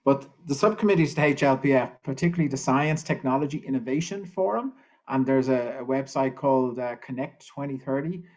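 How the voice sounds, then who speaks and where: A man's voice: mid-range voice, brisk. Man moderating an online panel. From Ireland. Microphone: video call.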